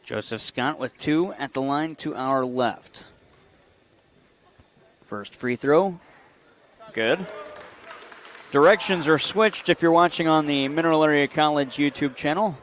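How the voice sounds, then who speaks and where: A man giving brisk basketball play-by-play commentary in short bursts, calling each play as it happens. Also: a little high, a bit bright. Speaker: play-by-play announcer.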